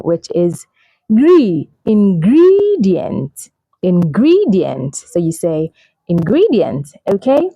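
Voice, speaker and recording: A woman teaching English pronunciation at a slow, unhurried pace, drawing words out and leaping up in pitch when she models a word. Her voice sits at a middle height and sounds dry and close, with no room around it. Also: darkish tone, no room sound, low-quality recording. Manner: slow, drawn-out words, frequent laughs and mm-hmms. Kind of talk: pronunciation lesson to camera.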